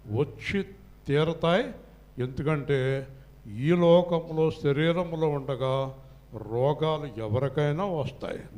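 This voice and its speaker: A middle-aged pastor preaching a sermon, swinging from quiet storytelling to loud, impassioned passages. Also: male voice, a little high.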